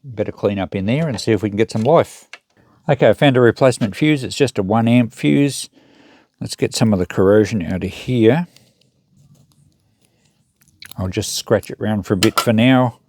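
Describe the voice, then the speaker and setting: The host of a repair channel thinks aloud during a hands-on repair job, offering casual, unscripted commentary. His voice is fairly low, a little mellow, and fairly quick.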